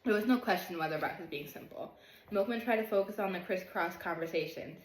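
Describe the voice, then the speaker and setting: A woman's voice: medium pitch, quick pace. A woman reading a novel aloud carefully, sometimes stumbling on hard words. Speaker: reader. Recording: roomy echo.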